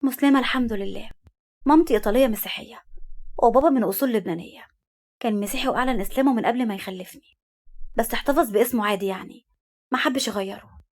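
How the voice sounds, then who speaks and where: A poised young bride, polite and composed, with an Egyptian accent, as a woman narrator voices her. She explains herself evenly at a brisk pace. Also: a little high, a little mellow.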